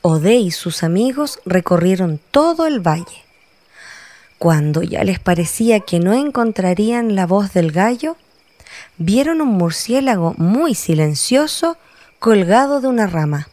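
A woman storyteller reading a children's tale in gentle scripted narration. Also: medium pitch, big pitch swings, a little slow.

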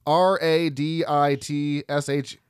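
A man's voice: on the high side, little pitch movement, takes it slowly, clean tone, dry recording. Male podcast co-host, casual and self-mocking, trips over names, dead-dry booth sound. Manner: rambling, laughs at himself, stumbles over names. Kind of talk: casual chat reading film credits.

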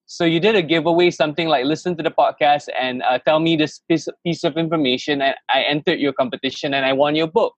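The speaker, a man in his thirties raised in Malaysia, talks fast with hardly any pauses in a fairly high voice and fairly even intonation. As a guest in a casual podcast interview, he tells his story eagerly, rambling and restarting often. The recording is dry and the audio dull.

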